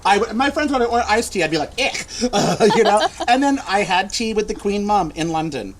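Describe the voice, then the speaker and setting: A man's voice: high voice, animated, moderate pace, a little hiss or hum, rough recording. An older man hosting a casual talk show, joking playfully with his guests. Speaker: host.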